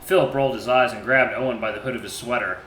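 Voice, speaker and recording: A man giving expressive narration of a story. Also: medium pitch, fast talker. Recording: roomy, faint background noise.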